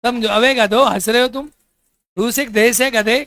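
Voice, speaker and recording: A man's voice: very high voice, fairly even intonation, moderate pace, fairly bright tone, no room sound. A man teaching a class, keeps asking his students to repeat answers, teases them and jokes as he explains. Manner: quizzes the class with repeated questions, teasing and joking. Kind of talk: classroom lecture.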